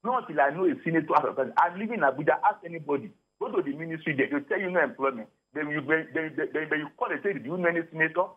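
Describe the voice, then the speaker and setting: Radio show caller, Nigerian man, husky voice, fairly high pitch, tinny phone line, emphatic, repeats himself. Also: racing, hardly any pauses. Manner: emphatic, repeats and restarts phrases. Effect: radio show caller over a phone line.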